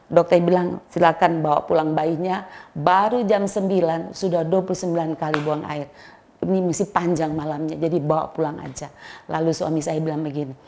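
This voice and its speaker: A woman's voice: low-pitched, fairly even intonation, a little fast, a little mellow. A middle-aged woman giving a spoken testimony to a congregation, telling her story with animation and acting out the voices of the people in it.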